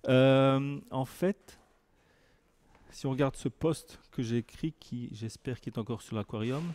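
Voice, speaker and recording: Belgian guy w/ a northern french accent, mellow voice, lots of euhs, tech talk to a room. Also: mid-range voice, unhurried. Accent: Belgian French, from near the French border by Lille. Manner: hesitant, many fillers and restarts, self-deprecating asides. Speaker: conference speaker. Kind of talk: tech talk to a live audience. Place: meeting room with an audience.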